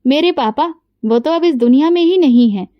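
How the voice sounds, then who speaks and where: A woman's voice: high-pitched, expressive, normal speed, no room sound, highs cut off. A woman reading the lines of a proud poor young boy who speaks hesitantly, bitter and sorrowful. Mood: grieving.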